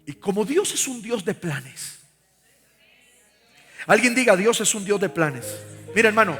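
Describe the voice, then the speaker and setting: Speaking a little slowly, this Costa Rican pastor has a high, fairly bright voice with lively intonation. He delivers a live sermon in a large sanctuary, fervently having the congregation repeat after him, while the hall reverberates and music plays faintly.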